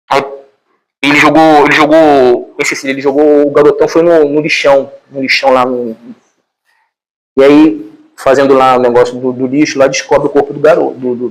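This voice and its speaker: A Brazilian man with a slightly high voice lectures informally. He retells a film to his listeners in animated, colloquial storytelling, leaning on repeated fillers. His Portuguese accent is plainly Brazilian. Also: rough recording.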